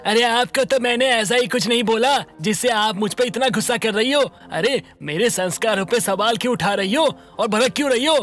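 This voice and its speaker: A man voicing a polite delivery man who turns defensive and indignant in an animated story. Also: extremely high pitch, fairly quick, soft background music.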